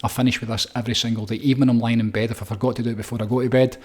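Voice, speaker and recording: Calm man guiding breathwork. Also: mid-range voice, racing. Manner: calm, repetitive guiding with frequent "uh" fillers and restarts. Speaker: breathwork coach. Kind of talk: guided breathing instruction.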